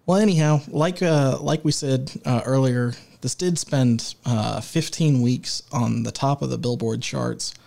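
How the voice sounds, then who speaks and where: Gravelly-voiced man, halting podcast chat. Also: mid-range voice, a little mellow. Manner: halting, many filler sounds and restarts; leads the discussion and segues. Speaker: podcast co-host. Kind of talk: casual music podcast chat.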